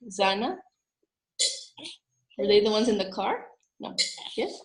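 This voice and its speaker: A woman's voice: mid-range voice, big pitch swings, slow. A woman introducing her children on a video call, coaxing them with prompting questions. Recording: echoey room with clicking noise.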